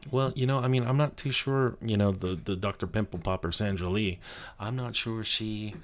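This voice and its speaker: A man in his thirties from Colorado, chatting quietly and rambling in a soft-spoken ASMR video from his home office, with many restarts. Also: lowish voice, normal speed. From Colorado, USA. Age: 30s. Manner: speaking quietly so as not to wake a child. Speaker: YouTube creator.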